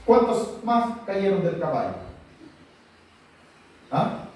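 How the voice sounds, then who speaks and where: A man's voice: sits high, very animated, slow pace, a little mellow. A man preaching a sermon, fervently calling out to the congregation with questions. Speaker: pastor. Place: church hall. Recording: echoey church hall, distant mic, faint hiss.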